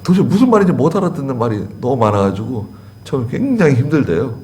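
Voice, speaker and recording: A man's voice: mid-range voice, sing-song, quick pace, darkish tone, slight background noise. A man pastor preaching a sermon in a conversational way, repeating key words and asking the congregation questions. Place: church sanctuary.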